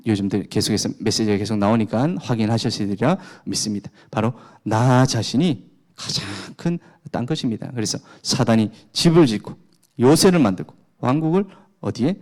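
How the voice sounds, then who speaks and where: A man's voice: lowish voice, darkish tone. A man preaching a sermon as pastor. He fires off rhetorical questions with emphatic rises and drops in chatty asides about his home life.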